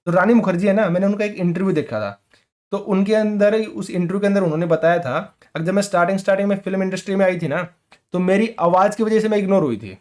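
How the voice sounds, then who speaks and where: High-voiced man teaching in chatty Hindi. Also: a little mellow. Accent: rural North Indian Hindi. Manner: conversational, keeps asking "ठीक है?"; colloquial Hindi mixed with English terms. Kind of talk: exam-prep lecture.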